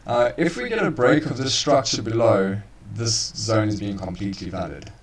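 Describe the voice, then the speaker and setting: A man's voice: on the low side, animated, normal speed. A man co-hosting a live trading stream, casually walking listeners through chart analysis. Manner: casual, laid-back, calls listeners bro. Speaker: trading co-host. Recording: roomy, far from the mic.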